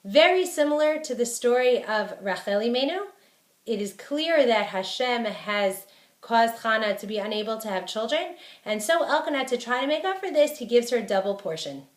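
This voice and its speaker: A woman with a fairly high voice gives a Torah lecture, explaining each verse in plain words and repeating phrases for emphasis. The recording rings with the echo of a roomy space. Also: lively intonation, moderate pace. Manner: emphatic repetition for stress. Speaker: Torah teacher.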